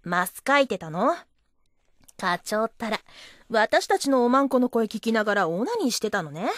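A coy, teasing young office wife, acted by a woman in an adult audio drama. Her voice sits high and swoops up and down constantly. The sound is dry and close. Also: very animated, normal speed, no echo. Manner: teasing and coy, giggling often. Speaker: voice actress.

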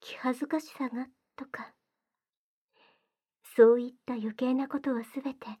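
A woman playing a gentle, high-voiced devoted maid. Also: steady tone, normal speed, slightly rough. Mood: coaxing. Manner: soft-spoken, very formal polite speech, often whispered. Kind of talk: ASMR roleplay.

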